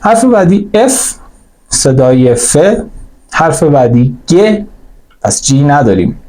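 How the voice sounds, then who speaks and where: Man, language teacher, native persian speaker, mellow dark voice, patient explaining, slow repeated letters. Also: fairly high pitch, very animated. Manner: explanatory, repeats each letter slowly, frequent fillers. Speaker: German teacher. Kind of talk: spoken language lesson.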